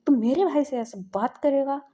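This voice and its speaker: A woman's voice: high-pitched, normal speed, warm tone, muffled recording, pitched above the performer's own voice, natural voice. A woman voicing a bossy, protective older brother who orders his sibling around. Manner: bossy, commanding.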